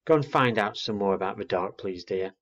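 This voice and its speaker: A man's voice: on the low side, fairly quick, fairly bright tone, dull audio. A man voicing a patient but firm mother barn owl in a children's storybook. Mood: patient, instructing.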